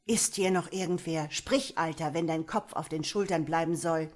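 A woman's voice: sits low, fairly even intonation, moderate pace, natural voice. A woman voicing a firm, commanding young male soldier scout. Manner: firm, commanding, later gentler.

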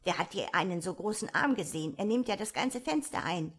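A woman voicing an agitated, bossy male rabbit who scolds his servant in sharp shouts. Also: medium pitch, lively intonation, brisk. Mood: scolding.

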